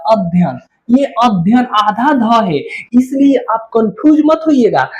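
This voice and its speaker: In a classroom lecture on Hindi grammar, a man with a high voice asks questions and answers them himself, repeatedly calling the listener "babu." The recording's highs are cut off.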